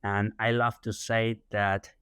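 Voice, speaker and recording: A man from Spain with a Spanish accent, a youth soccer director answering interview questions in a measured way with many fillers. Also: lowish voice, little pitch movement, fairly bright tone, clean tone, no room sound, clean studio sound.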